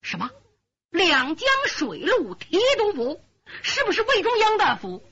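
A woman's voice: very high voice, huge pitch swings, unhurried, a bit bright, highs cut off, voice pushed up, full character voice. A woman storyteller voicing a young man, a devoted son who is earnest and urgent.

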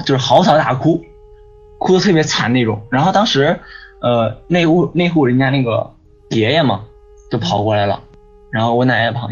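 Faint music plays under dull lo-fi audio as a male guest on a ghost-story podcast tells a personal story at length in a mid-range voice with a breathy edge. His telling is rambling and repetitive, peppered with "你知道吗" ("you know?").

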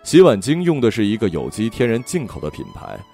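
A man narrating a story in an expressive, gentle storytelling manner. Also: medium pitch, fairly quick. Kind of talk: audiobook narration. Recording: faint background music.

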